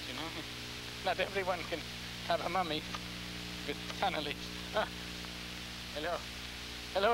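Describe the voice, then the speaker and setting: A man playing a ghoulish, theatrical horror host, halting and repeating his words in a campy, scheming, cackling manner on an old television show. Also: high-pitched. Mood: coaxing, flustered. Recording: noisy, humming vintage television recording.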